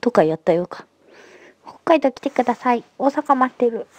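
A woman with a lively, swooping, fairly high voice chats playfully to her viewers, giggling and tossing in rough slang. Her phone mic picks her up dry and close, with no room around her. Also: moderate pace, no room sound. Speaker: livestream host. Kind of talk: casual livestream chat reading viewer comments.

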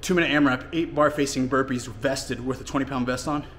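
Out of breath in his home gym, a fitness coach talks through his workout with lots of ums, explaining his training plainly between efforts; some of the vlog is shot outdoors in winter. His voice is medium in pitch, steady, brisk and a bit bright, with a little hiss or hum.

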